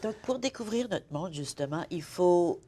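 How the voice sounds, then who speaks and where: A woman's voice: fairly low pitch, expressive, normal speed, warm tone, slight background noise. A female television host, interviewing an author, echoing and completing his thoughts. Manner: affirming, finishes the guest's sentences.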